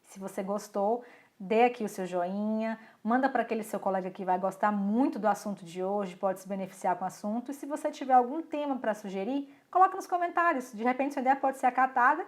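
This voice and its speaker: A woman from Brazil teaching English online, explaining grammar step by step and reading English sentences slowly and carefully. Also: fairly high pitch.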